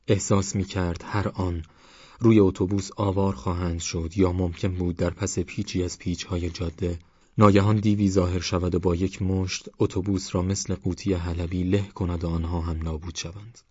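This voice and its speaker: Low husky guy reading a novel aloud, calm and even, pretty flat, dry dull-ish recording. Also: no echo. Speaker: audiobook narrator. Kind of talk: scripted novel narration.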